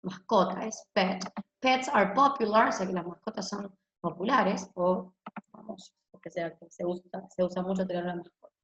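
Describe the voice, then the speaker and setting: A woman's voice: mid-range voice, moderate pace, a bit bright. Woman teaching english, says "ok?" nonstop, echoey dull laptop mic sound. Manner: explains in Spanish, tags most lines with "ok?". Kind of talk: recorded online class explanation. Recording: echoey room, dull lo-fi sound, faint hiss.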